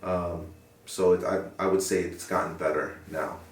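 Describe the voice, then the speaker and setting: A young man speaking in an interview in an earnest, reflective way, often pausing to search for words. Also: deep voice, flat delivery, slight background noise. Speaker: interviewee, paramedic. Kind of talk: sit-down interview. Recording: roomy sound from a distant mic.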